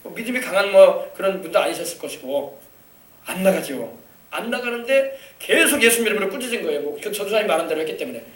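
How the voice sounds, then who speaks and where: A male pastor tells a story from the pulpit at a quick clip, his voice pitched high. He acts out the people he quotes and swells into loud hallelujahs. The sound is roomy and echoing, as if the mic is some distance away in a church. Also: big pitch swings. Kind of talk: sermon. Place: church sanctuary.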